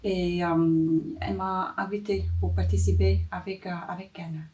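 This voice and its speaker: A young woman from Vietnam, speaking French with a Vietnamese accent, answers interview questions hesitantly, with many pauses and fillers. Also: lowish voice, flat delivery, a little mellow, recorded from a distance. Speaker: interview guest, entrepreneur.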